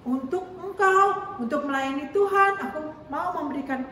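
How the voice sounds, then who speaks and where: A woman's voice: high voice, normal speed, sharp tone. A tearful pleading mother, as a woman puts her on. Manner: earnest, pleading, on the verge of tears. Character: tearful pleading young mother praying for a child. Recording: very echoey room, distant mic, faint noise.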